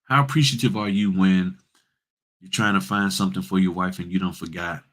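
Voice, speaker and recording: A man's voice: sits low, fairly even intonation, brisk, fairly bright tone. A man hosting a notary business channel, talking in a casual, blunt, rhetorical way that teases his listeners. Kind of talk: casual, preachy straight-talk monologue.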